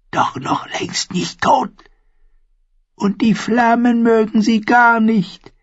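Shrill quavering old dwarf woman, half-mad seer, slow drawn-out chanting, husky, dull lo-fi sound. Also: no echo, heavily acted. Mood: cryptic.

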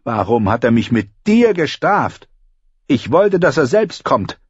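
A man's voice: mid-range voice, sing-song, measured pace, breathy edge, no echo, highs cut off, voice pushed up. A man reading an audiobook, voicing a proud, angry queen regent in a cold, scornful tone.

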